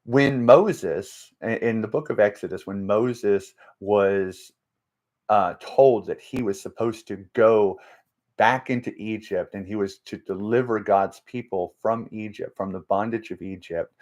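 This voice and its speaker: A man hosts a faith-based motivational live stream, speaking in a fairly low voice. He talks very slowly and haltingly, stopping to restart and repeat himself, and now and then reads out and answers viewer comments. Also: darkish tone. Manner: slow and halting, frequent restarts and repeated words.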